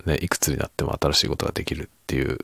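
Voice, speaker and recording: A middle-aged man chatting softly and casually late at night in a husky, hushed murmur that drifts into whisper, unhurried and trailing off. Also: very deep voice, steady tone, dry recording. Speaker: podcast and ASMR creator.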